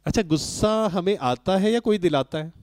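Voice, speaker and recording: A man's voice: high voice, animated, moderate pace, darkish tone, no room sound, clean studio sound. A man giving a spiritual talk to a live audience, asking questions and answering them himself. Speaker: spiritual speaker addressing an audience.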